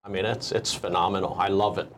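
A man's voice: low-pitched, fairly even intonation, fast talker, fairly bright tone, slight background noise. Enthusiastic male talk show host. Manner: enthusiastic, repeats "I mean". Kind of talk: studio interview hosting. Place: TV studio.

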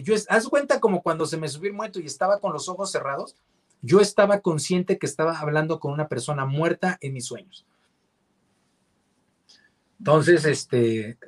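A man, a radio announcer and guest on an interview show, telling a personal story in a reflective, hesitant way with many fillers and restarts. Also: on the high side. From Mexico.

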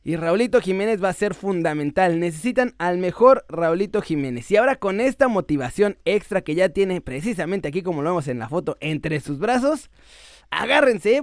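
A man's voice: high-pitched, dry recording, studio quality. A young man with a Mexican accent, chatting casually about football news to his viewers in a slangy, joking way. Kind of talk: casual sports vlog.

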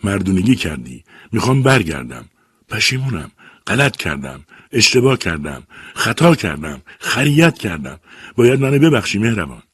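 A man's voice: lowish voice, sing-song, a bit bright, husky, dry recording, clean studio sound, heavily acted. A man voicing a pleading remorseful wife. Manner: pleading, self-reproaching.

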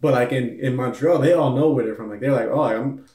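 A man's voice: medium pitch, a little fast, dark tone, distant mic. A man guest in a casual conversation, laid-back and rambling with lots of fillers. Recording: echoey room, off-mic.

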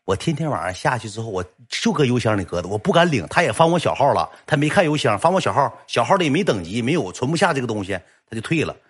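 A young man tells a comic story at a rapid clip. His husky voice swings widely up and down as he acts out every quoted line. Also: medium pitch. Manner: lively, animated, acts out quoted lines.

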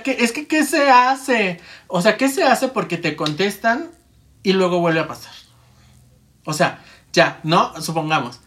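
A speaker with a medium-pitched, fairly bright tone meanders through an easygoing conversation. They keep dramatizing their inner monologue and break into laughter often.

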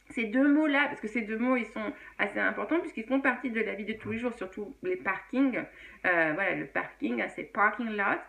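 A woman's voice: a little high, vocal fry, sharp tone. A woman teaching English in a casual video lesson, chatty with many fillers and frequent laughs.

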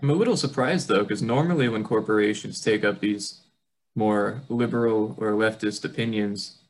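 A young man co-hosting a casual political podcast, speaking in a measured way with frequent "um" as he moves the topics along. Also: on the low side, poor audio. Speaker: podcast co-host.

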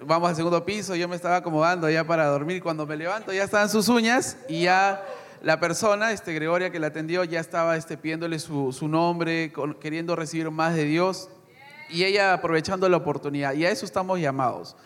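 A man who went on a mission trip, sharing a testimony and exhorting the congregation, lively with some hesitations. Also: a little high, brisk, clean tone. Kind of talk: church testimony and short reflection. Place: church hall. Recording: long hall reverb.

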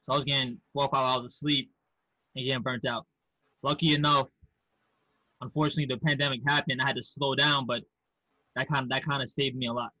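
A man's voice: medium pitch, flat delivery, fairly quick, pauses often, pushed and bright, dry recording, rough recording. A man from Queens, New York with a Queens accent, talking candidly and casually as a podcast guest. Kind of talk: casual conversational interview.

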